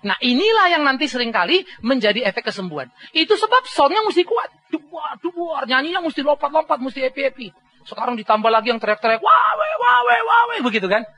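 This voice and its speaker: A middle-aged man preaching a sermon as a pastor, telling animated stories with humor and acting out voices. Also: very high voice, fast talker. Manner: mixes English words into speech.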